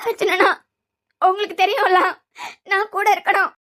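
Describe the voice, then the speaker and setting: A woman's voice: very high voice, fairly even intonation, normal speed, a bit bright. A woman voicing a frightened young mother in a cartoon serial, pleading and tearful, with a Kanyakumari Tamil accent.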